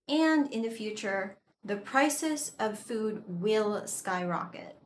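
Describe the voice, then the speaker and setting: Woman teaching English words slowly and clearly. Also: medium pitch, fairly bright tone. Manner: clear, deliberate explaining. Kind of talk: vocabulary lesson. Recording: echoey room with faint noise.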